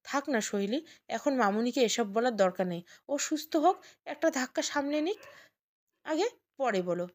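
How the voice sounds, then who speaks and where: A woman voicing a calm, protective older father-in-law who speaks gently. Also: high voice, moderate pace. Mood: soothing.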